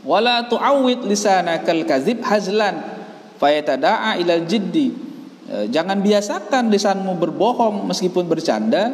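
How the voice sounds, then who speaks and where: A man with an Indonesian accent teaching a religious text, explaining Arabic line by line and telling stories. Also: high-pitched. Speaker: Islamic teacher. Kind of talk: religious study lesson. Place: mosque or pesantren hall. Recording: echoey hall.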